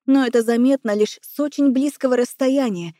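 A woman reads a first-person audiobook, telling the story expressively and with feeling. Her voice is high and soft-toned, mellow rather than bright. The recording is close and completely dry. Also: brisk, dry recording. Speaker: audiobook narrator.

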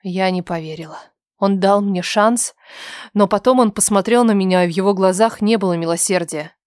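A woman narrates a first-person story with a tense, emotional reading, often dropping her voice low and soft. Her pitch sits in a middle range, and the recording is dry and close with no room sound. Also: normal speed, no room sound. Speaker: audiobook narrator.

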